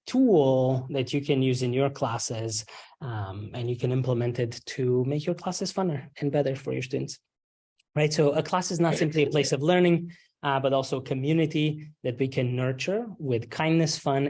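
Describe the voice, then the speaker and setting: Guy in his 30s giving a faculty workshop, lots of ums and uhs, keeps going "right?", middle-pitched voice. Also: darkish tone. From Romania. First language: Romanian. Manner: halting, many ums and uhs, tags rhetorical questions with "right?". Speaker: university lecturer leading a faculty workshop. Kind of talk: workshop presentation.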